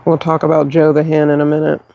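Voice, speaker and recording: A man murmurs in a hushed, halting way into a phone mic while streaming live outdoors in his backyard. His slightly high voice has a gravelly edge and stays flat in pitch, and the sound is close and dry. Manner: quiet, halting, talking softly on purpose. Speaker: livestream host.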